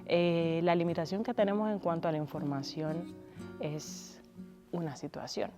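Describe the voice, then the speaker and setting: A woman's voice: on the low side, steady tone, moderate pace, over music. A woman with a Cuban accent, a flutist and conductor, telling her story in a reflective interview. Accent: Cuban Spanish. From Cuba.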